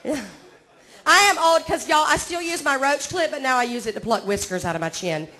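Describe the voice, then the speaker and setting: This forties-aged woman from Georgia has a high-sitting voice, a sharp tone, and a brisk pace, plus a Southern accent. She trades remarks with the crowd during a self-deprecating stand-up set at a comedy club.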